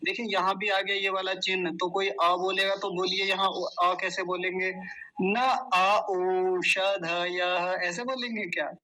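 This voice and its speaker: A man teaching the exact pronunciation of a chant, saying each word slowly and then explaining in quick, corrective asides. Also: high-pitched, fairly even intonation, bright, forceful tone, rough recording. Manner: corrective, stresses exact sounds. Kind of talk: recitation lesson.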